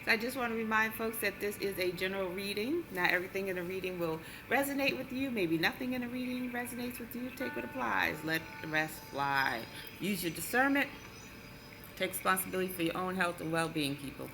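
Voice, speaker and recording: A woman's voice: mid-range voice, expressive, a little fast, background noise. A woman doing a casual tarot card reading for her channel, chatting through each card's meaning step by step. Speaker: tarot reader. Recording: music playing under the voice. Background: background music.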